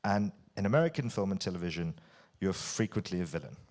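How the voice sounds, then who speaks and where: A man hosting an interview, putting prepared questions in articulate, deliberate phrases. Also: low voice, lively intonation, darkish tone. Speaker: interviewer hosting an on-stage conversation.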